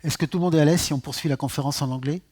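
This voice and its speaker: A man's voice: fairly high pitch, racing, background noise. A man moderating a conference round table, introducing speakers and posing questions with a light touch of humor.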